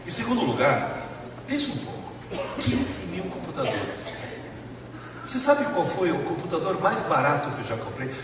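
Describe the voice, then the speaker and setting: Recorded from a distance in a large, echoey, noisy lecture hall, a high-voiced Italian professor addresses a live audience. A native Italian speaker, he's animated and emphatic in this motivational educational talk, pausing dramatically and repeating himself.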